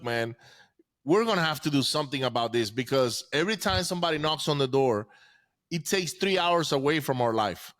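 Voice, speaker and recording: A man in his forties who grew up in Venezuela, a podcast guest telling his life story in a casual, halting way, with many restarts and repeated words. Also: fairly high pitch, a bit bright.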